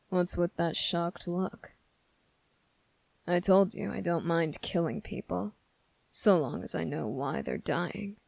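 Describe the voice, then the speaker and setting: Speaking through a close, dry microphone with no room sound, an actor plays a menacing, brooding demon who hides a moral code, in an intimate ASMR roleplay. The medium-pitched voice is gravelly, at times breathy, delivering taunts in slow, deliberate phrases.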